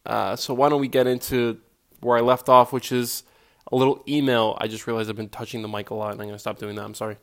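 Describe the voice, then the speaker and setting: A man's voice: mid-range voice, little pitch movement, quick pace, a bit bright. A young man hosting his own solo podcast, talking casually and self-deprecatingly, rambling with fillers. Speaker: podcast host.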